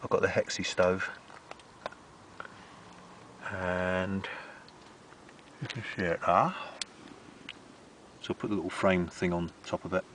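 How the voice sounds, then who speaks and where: Deep-voiced man chatting at a camp stove. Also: fairly even intonation, slow, pauses often, a bit bright, a little hiss or hum. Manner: chatty, rambling, cheerful, with "me" for "my". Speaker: outdoor cooking vlogger. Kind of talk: casual camp cooking commentary. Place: under a tarp in rainy woods at night.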